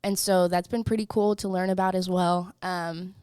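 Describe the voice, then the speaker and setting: A woman in her twenties chats casually as a podcast co-host, upbeat and quick to laugh. Her voice sits a little low, and the recording is dry and close on the microphone. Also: fairly even intonation, dark tone, clear, resonant tone, no echo. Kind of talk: casual chat.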